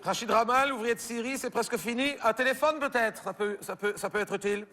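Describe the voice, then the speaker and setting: A Belgian French comedian on stage, doing one side of a phone call, stammering and bemused. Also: male voice, very high-pitched, brisk, pushed and bright, long reverb tail. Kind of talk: stand-up phone sketch. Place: theater stage with audience.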